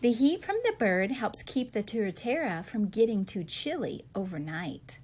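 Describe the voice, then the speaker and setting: A woman's medium-pitched, darkish, slightly husky voice moves in a sing-song at normal speed as she reads a picture book to young children, posing and expressively answering questions. A little hiss or hum can be heard.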